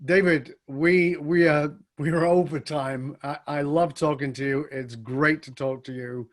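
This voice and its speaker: Male podcast host, slightly high voice, emphatic and chatty. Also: fairly even intonation, a little slow. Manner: emphatic, chatty, agrees often. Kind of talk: casual interview chat.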